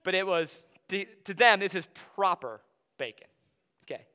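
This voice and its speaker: A pastor preaches in a high, ringing voice that sounds crisp and clear. He talks conversationally, then slows right down to lean on key phrases. His words trail into the long reverb of a large hall. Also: animated, bright, forceful tone. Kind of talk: sermon with Bible reading and personal story.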